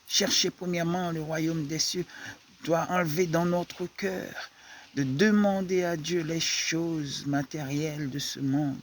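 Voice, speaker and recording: Slow, halting French-speaking male preacher. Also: fairly high pitch, fairly even intonation, slight background noise. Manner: slow, halting delivery with repeated words. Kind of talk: sermon.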